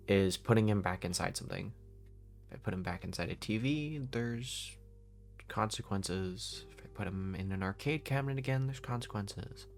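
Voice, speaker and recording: A man's voice: on the low side, gravelly. A man voicing a weary male leader in a casual voice-acted roleplay, reasoning aloud and restarting his sentences. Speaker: roleplay lead.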